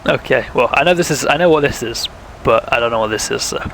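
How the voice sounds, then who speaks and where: A man's voice: mid-range voice, fast talker, a bit bright, slight background noise, low-quality recording. A young man, chatting casually while streaming a flight sim, thinking aloud and talking to viewers, with a sore throat. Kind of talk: casual live-stream commentary.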